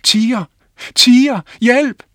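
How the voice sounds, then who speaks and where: A man voicing a bored, mischievous young village boy in a storybook reading, shouting and teasing. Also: on the high side, expressive, breathy edge, no room sound, studio quality, voice pushed up, exaggerated voice.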